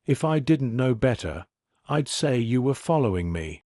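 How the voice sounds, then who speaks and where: A man's voice: medium pitch, big pitch swings, moderate pace, warm tone, no room sound, clean studio sound, lightly acted. Man reading as a teasing young woman.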